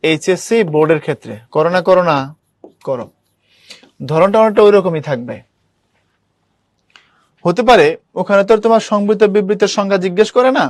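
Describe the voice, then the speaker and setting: A man's voice: fairly high pitch, no echo, studio quality. Chatty young man tutoring an online class. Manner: casual, chatty, addresses students directly, asks them questions. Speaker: university admission tutor.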